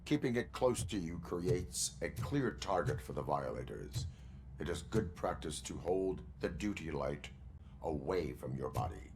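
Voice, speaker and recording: An actor playing a stoic robotic police mentor in a video game, speaking formally in a measured, steadying way. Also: male voice, deep voice, big pitch swings, a little mellow, slight background noise, heavily acted. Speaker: field trainer.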